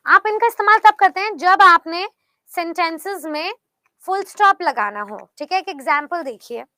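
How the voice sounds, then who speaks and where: A woman's voice: very high-pitched, normal speed, pushed and bright, no echo. A woman teaching English grammar in an online class, explaining step by step and praising students by name.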